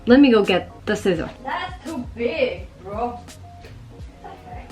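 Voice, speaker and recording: Lively, chatty young woman vlogger. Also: on the high side, slow pace, faint music behind. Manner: joking, rambling, yelps in pain. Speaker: beauty vlogger. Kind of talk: casual chatty tutorial. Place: at home in front of a mirror.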